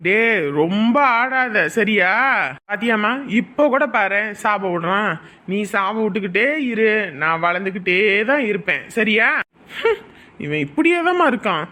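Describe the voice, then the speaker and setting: A jealous young son who grumbles and pins every problem on his brother, played by a performer. The tone is bright and forward, and the talk never stops bickering. This is family comedy sketch acting. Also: mid-range voice, expressive. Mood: complaining. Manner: whiny, bickering, quick to blame. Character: jealous, complaining young man, elder son.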